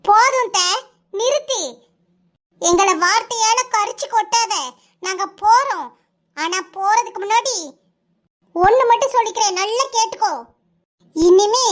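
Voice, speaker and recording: Defiant, cutting young cartoon village woman voiced by a woman, very high, southern Tamil Nadu accent.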